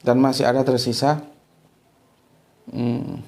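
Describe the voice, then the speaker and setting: A Sumatran religious teacher speaks slowly in a level, medium-pitched voice that's a little mellow. His informal Indonesian lecture wanders conversationally, with restarts and many sentences ending in a quick "ya".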